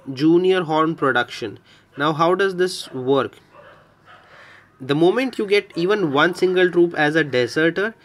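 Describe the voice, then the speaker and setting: A man's voice: a little high, a bit bright. A man hosting a gaming channel, walking viewers through a strategy game guide with patient, repetitive explanations, addressing them as his dear friends. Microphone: voice-over on screen recording.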